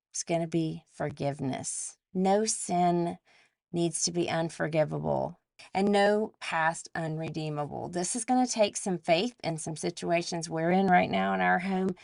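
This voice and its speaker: Mom in her 40s hosting a podcast, low gravelly voice, dry close sound. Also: no echo. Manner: warm list-style reflection with faith asides. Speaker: podcast host. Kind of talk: scripted solo podcast talk.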